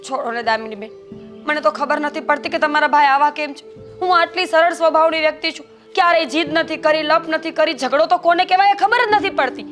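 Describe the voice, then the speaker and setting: A high-voiced, sharp-tongued young wife with a Gujarati accent, quick to sulk and scold, as an actress plays her. She talks in a complaining, lecturing way. Soft film music plays underneath. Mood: aggrieved. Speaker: young wife in a family drama. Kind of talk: Gujarati family drama acting.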